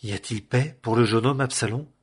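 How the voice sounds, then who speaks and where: A sorrowful old king speaks in a husky, breathy voice, as a male reader gives him lines. His delivery is solemn and mournful, a scripture reading aloud. The tone sits at an ordinary male pitch. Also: fairly quick, close to an everyday voice. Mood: regal. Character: grieving aged male king.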